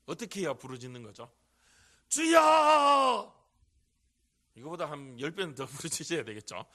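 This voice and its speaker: A man's voice: mid-range voice, animated, fast, fairly bright tone. A middle-aged man preaching an earnest sermon into a microphone in a church, rising to emphatic cries. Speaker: pastor. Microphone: handheld or stand microphone.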